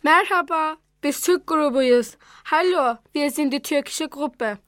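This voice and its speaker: A young girl hosts a school radio segment in a high voice. She reads slowly and carefully from a script. The studio sound is dry and close. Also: fairly bright tone, dry recording, faint music behind. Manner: slow, careful, read-aloud delivery. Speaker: student radio presenter.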